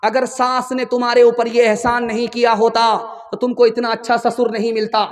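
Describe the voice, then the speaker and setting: A man's voice: very high voice, monotone. A man voicing a wise warning mother. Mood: admonishing. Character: wise, experienced mother warning her daughter. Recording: long reverb of a large hall.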